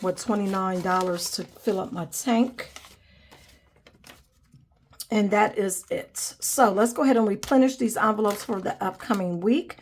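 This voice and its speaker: This budgeting channel host, a young woman with a medium-pitched voice, chats casually and counts money aloud while greeting viewers as "guys." She sounds nasal from a cold, and there's slight background noise.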